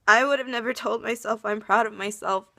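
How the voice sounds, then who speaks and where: A woman's voice: a little high, fairly even intonation, fairly quick, creaky, pushed and bright, dry recording, studio quality. A young woman vlogger speaking tearfully in an earnest, heartfelt confessional. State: tearful, crying. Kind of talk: confessional personal vlog.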